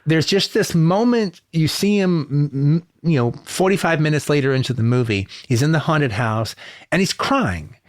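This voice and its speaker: A man's voice: a little high, lively intonation, moderate pace, dry recording, clean studio sound. A man co-hosting a podcast, talking films in a rambling, emphatic way, with quoted asides. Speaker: podcast co-host. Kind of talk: casual film discussion.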